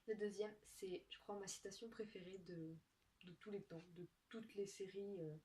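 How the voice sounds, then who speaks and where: A young woman chatting casually to camera as she opens gifts, soft-spoken and giggly, thinking aloud. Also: medium pitch, steady tone, unhurried. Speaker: vlogger opening gifts. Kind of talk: casual unboxing chat to camera. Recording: distant mic with faint noise.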